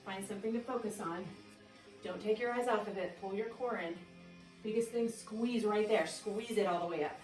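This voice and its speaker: A woman's voice: medium pitch, moderate pace, a little mellow. Woman coaching a workout in an echoey room. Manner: upbeat coaching cues and countdowns. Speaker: fitness instructor. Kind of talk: workout class instruction. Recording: echoey room, mic at a distance, faint music. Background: faint background music.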